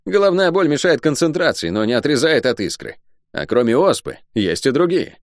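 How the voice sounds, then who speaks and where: A man's voice: on the high side, sing-song, normal speed, no echo, clean studio sound, voice pushed up. A man voicing an indignant young male healer in an audiobook.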